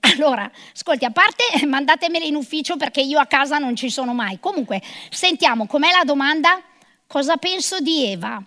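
A woman's voice: high-pitched, expressive, fairly quick, bright, forceful tone. A middle-aged woman performing a comic monologue of phone calls as a bossy, sarcastic career mother.

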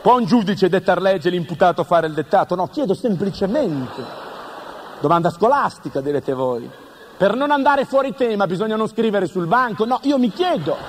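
A man delivering an absurdist stand-up monologue full of deadpan wordplay and mock-serious questions. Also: sits high, normal speed, slight background noise. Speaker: comedian.

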